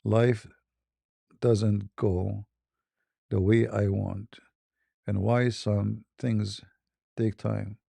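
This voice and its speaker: A man's voice: lowish voice, flat delivery, extremely slow, creaky, long pauses, mellow, no room sound. A man giving a casual, conversational monologue in plain non-native English, often repeating and restarting his words. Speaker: online religious debater. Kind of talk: casual monologue answering questions.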